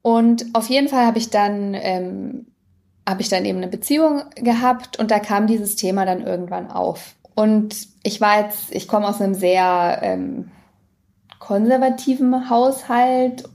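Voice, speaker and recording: A woman's voice: medium pitch, measured pace, creaky, darkish tone. A woman in her late thirties co-hosting a podcast, talking frankly and with self-deprecating humor. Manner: candid, self-deprecating, laughs often. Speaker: podcast co-host. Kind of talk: frank casual conversation.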